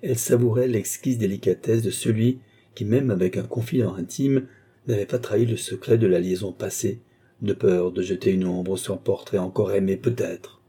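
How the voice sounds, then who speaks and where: Male audiobook narrator, low dark voice, a bit husky, measured read. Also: steady tone. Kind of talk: audiobook narration of a classic novel.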